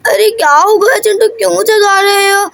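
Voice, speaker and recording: A woman's voice: extremely high pitch, fairly even intonation, moderate pace, creaky, fairly bright tone, exaggerated voice. A woman voicing a scolding village mother in a cartoon.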